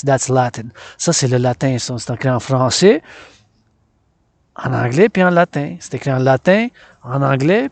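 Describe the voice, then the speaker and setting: On an outdoor mountain path, a man with a Quebec French accent vlogs as he walks, theatrically declaiming and repeating phrases in both English and French. His voice is medium-pitched, and the recording is dry.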